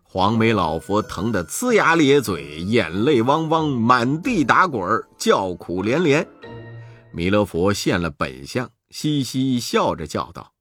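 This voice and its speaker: A man narrating a children's story in a slow, expressive storytelling manner. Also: on the low side, soft background music.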